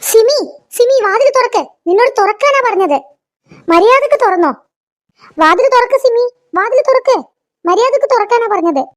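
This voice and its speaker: A woman's voice: very high voice, steady tone, brisk, a little mellow. A woman voicing an anxious middle-aged mother-in-law who calls out in an alarmed, raised voice.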